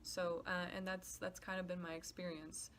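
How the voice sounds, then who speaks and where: Her voice sits lowish but fairly bright, with a level tone and normal speed, as this podcast composer offers an informal, somewhat hesitant behind-the-scenes tour. Demo music clips run in the background alongside slight noise.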